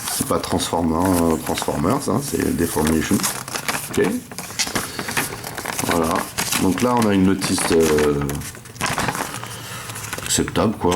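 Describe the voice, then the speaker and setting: A man reviewing a toy in a casual, hesitant way, filling his sentences with pauses and filler words. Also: low-pitched, background noise.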